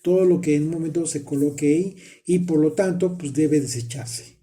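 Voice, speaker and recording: A man's voice: fairly high pitch, moderate pace, warm tone. A man teaching a Bible study, reading scripture aloud and explaining it, often restarting his phrases.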